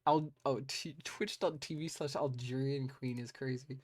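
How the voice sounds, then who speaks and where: A woman's voice: very deep voice, fairly even intonation, moderate pace, a little mellow. A woman streamer giving casual, playful live reactions, often echoing what she hears. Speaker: VTuber streamer reacting to a video.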